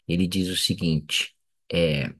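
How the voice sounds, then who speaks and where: A man giving an earnest seminary lesson, speaking slowly and deliberately and often checking in with "né" and "ok". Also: sits low, fairly even intonation, a bit bright, no echo. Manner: earnest, slow and deliberate, with frequent "né" and "ok". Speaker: seminary teacher. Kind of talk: religious class lesson.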